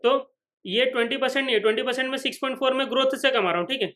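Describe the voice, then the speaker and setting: A man's voice: extremely high pitch, racing, bright, forceful tone. A man teaching a finance lecture at a whiteboard, who repeats each point and keeps checking that the students follow. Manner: voices imagined students' questions.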